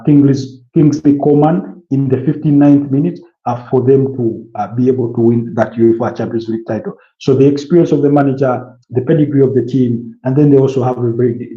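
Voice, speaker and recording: A man in his early thirties, a football pundit on a casual talk show, rambling with many fillers and restarts as he lists player names. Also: medium pitch. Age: early 30s. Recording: roomy, dull lo-fi sound.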